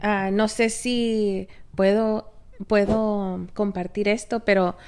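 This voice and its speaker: Female co-host sharing her own story, candid and lively, drops English phrases in, mid-range voice. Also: medium pitch, takes it slowly, smooth. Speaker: podcast co-host, teacher of girls. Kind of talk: casual personal storytelling.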